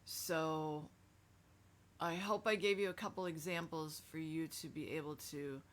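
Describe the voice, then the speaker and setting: A woman's voice: low voice, fairly even intonation, measured pace. A middle-aged woman talking casually and emphatically in a self-help video, frank and conversational.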